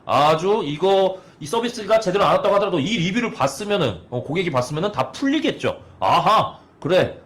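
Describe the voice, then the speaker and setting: A man in his thirties leads a training lecture for installers. His voice sits a little high and swings widely in pitch. He keeps putting rhetorical questions to his listeners. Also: big pitch swings, a little fast, hardly any pauses. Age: 30s. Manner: opens sentences with "ja". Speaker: trainer for air conditioner installers.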